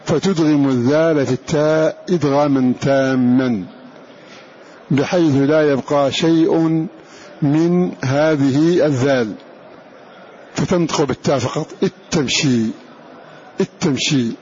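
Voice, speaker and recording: A man teaching a Quran recitation lesson, who slowly repeats each example phrase and draws out its sounds. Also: fairly high pitch, steady tone, dark tone. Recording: dull lo-fi lecture recording with faint hiss.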